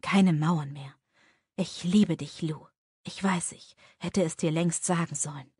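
Casting: a woman doing a gentle young lover, husky, hushed and reassuring, dry close sound. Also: steady tone, a little slow, no room sound, full character voice. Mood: earnest. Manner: soft, low, reassuring. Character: tender, earnest young man, the lover.

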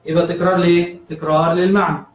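A man's voice: high-pitched, little pitch movement, fast talker, roomy sound, far from the mic, low-quality recording. A man with an Egyptian Arabic accent teaching a review lesson, asking his students questions and answering them himself, repeating key terms.

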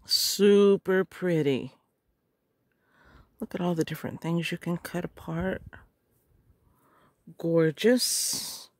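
A middle-aged craft vlogger gushes over each supply she unwraps in a casual unboxing chat, her slightly hoarse, darkish voice sitting a little low as she speaks slowly and murmurs. She lingers on her words and often clears her throat. The sound is close and dry, without room echo.

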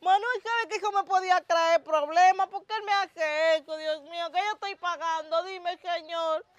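A woman's voice: extremely high pitch, steady tone, moderate pace, no echo. A woman playing a distraught farm worker who cries and pleads, in an amateur short-film drama. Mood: despairing. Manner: wailing, pleading, calls on God. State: crying. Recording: dull lo-fi dry recording.

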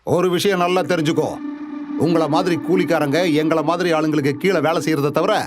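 Man playing a gang boss, film dub, condescending threats, high voice, faint background noise. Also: steady tone, fairly quick, close to an everyday voice. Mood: menacing. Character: scheming male gang boss, smug and menacing.

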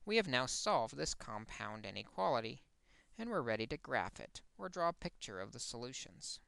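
Male math teacher, methodical explainer, resonant with some fry, dry close mic. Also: mid-range voice, big pitch swings, moderate pace, sharp tone, dry recording. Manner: explains step by step, corrects his own slip. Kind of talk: recorded math lesson.

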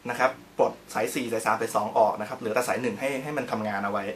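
A man's voice: lowish voice, fairly even intonation, very fast. A man teaching in a casual instructional video, chatty and polite, explaining each step while he demonstrates on the guitar and records himself on his own camera. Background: guitar playing.

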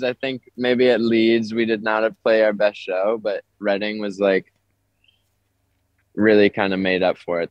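A man, a young touring musician, talking over the phone in a relaxed, rambling way with lots of filler words. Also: fairly low pitch, no echo. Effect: heard over the phone. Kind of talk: casual phone interview. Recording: dry, muffled phone line.

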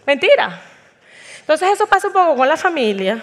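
A woman's voice: high-pitched, big pitch swings, fairly quick. A woman giving a chatty, self-mocking testimony talk on an auditorium stage before a live audience, acting out the voices in her quotes. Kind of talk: humorous personal testimony talk.

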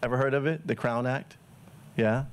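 A man giving a casual, thoughtful personal talk to an audience, pausing often with fillers. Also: medium pitch, clear, resonant tone. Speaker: guest speaker.

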